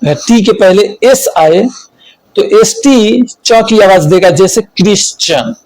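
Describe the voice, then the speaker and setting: A man teaching English spelling rules, slow and deliberate, repeating each rule and listing examples. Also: high-pitched, lively intonation, darkish tone, no room sound, poor audio. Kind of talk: spelling lesson explained in Hindi.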